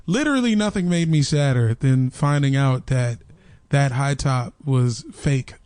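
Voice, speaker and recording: A stand-up comic co-hosting a casual chat, telling stories in an animated, slangy way. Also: male voice, mid-range voice, unhurried, smooth, no echo.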